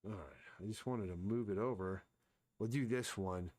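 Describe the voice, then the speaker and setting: A man's voice: lowish voice, normal speed, a little mellow, no room sound. A man casually thinking aloud as he sketches and explains anatomy during a live drawing stream. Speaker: artist streaming his drawing.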